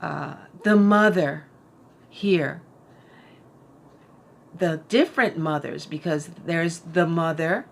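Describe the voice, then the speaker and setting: A middle-aged woman giving a casual book review, thoughtful and unhurried, with frequent fillers and restarts. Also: sits low, creaky. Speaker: book vlogger.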